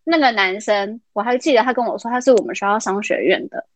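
A young adult woman recording remotely as a podcast guest, telling a story in a lively casual way. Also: on the high side, fast, no echo. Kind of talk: casual chat.

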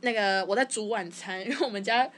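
A young woman with a Taiwanese Mandarin accent, telling her story as a podcast guest in casual chat, animated and often stumbling over repeated words. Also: medium pitch, brisk. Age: young adult.

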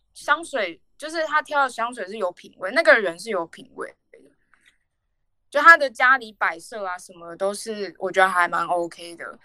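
A woman's voice: on the high side, sharp tone, clear, resonant tone, no echo. A young woman, rambling through a casual story on a podcast with many fillers and restarts. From Taiwan. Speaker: podcast co-host.

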